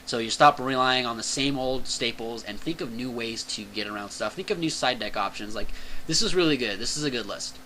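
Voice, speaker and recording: A young man casually talking through a card game list for his channel, excitable and chatty, peppering his talk with "dude" and "like". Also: medium pitch, fairly quick, slight background noise, rough recording. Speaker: channel host reviewing card game banlist. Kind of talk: casual enthusiastic commentary.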